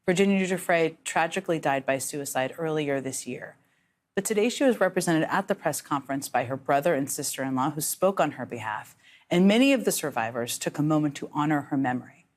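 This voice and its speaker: A woman news anchor narrating a report and interviewing guests, emotional and halting at times. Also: low-pitched, animated. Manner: emotional, halting with repeated starts.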